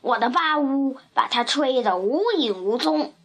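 A woman voicing a big, bossy male elephant in a storybook, loud and blustering. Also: sits high, animated, measured pace. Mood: pushy.

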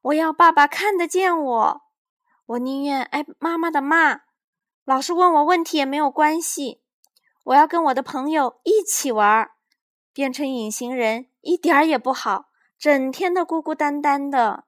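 A woman voicing a small, lonely invisible boy in a storybook reading, calling out high and loud. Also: animated, measured pace, dry recording, clean studio sound. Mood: tearful complaining.

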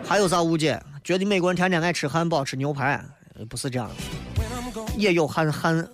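A man's voice: on the high side, a little fast, over loud music. A man with a Shaanxi dialect accent hosting a comic talk radio show, delivering a wry, joking monologue that mocks common misconceptions. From Shaanxi, China.

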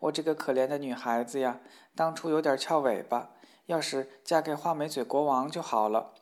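A man voicing a proud, scornful young princess in a storybook reading, raising his voice higher for her. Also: normal speed, natural voice. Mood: plaintive. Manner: scornful, later plaintive. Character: haughty mocking young princess.

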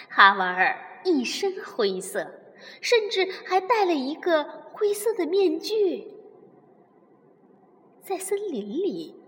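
Storytelling host: woman, high lively voice, slow reading for kids, long reverb. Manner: warm, expressive, addresses children as darlings. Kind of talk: children's storytelling.

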